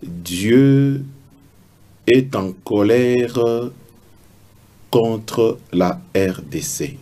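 A middle-aged man delivers a solemn prophetic address in halting, deliberate phrases. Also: fairly low pitch, dark tone.

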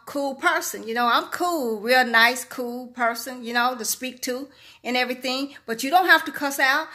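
A woman's voice: high voice, pushed and bright. A middle-aged woman vlogger speaking straight to her viewers in a preachy, repetitive monologue. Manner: preachy, repeats herself, talks straight to viewers. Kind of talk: casual monologue to camera.

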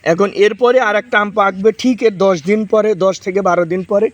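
High voiced guy in his 30s from bangladesh, chatty, outdoors in a garden. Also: steady tone, moderate pace, dry recording, highs cut off. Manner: chatty, explains while directing children. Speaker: farming vlogger. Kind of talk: casual outdoor demo chat.

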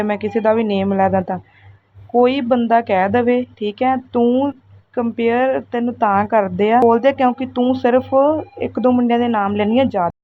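A woman delivering heated reaction commentary to another vlogger, scolding and confrontational, often tagging her points with a questioning "okay?". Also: a little high. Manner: scolding, confrontational, repeats "theek hai?". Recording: tinny phone-like audio with faint hiss.

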